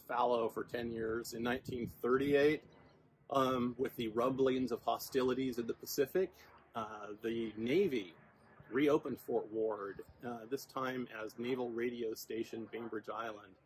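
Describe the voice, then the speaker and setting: An older man explaining local history outdoors, unhurried and halting with many fillers. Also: medium pitch, steady tone, darkish tone, slight background noise, poor audio.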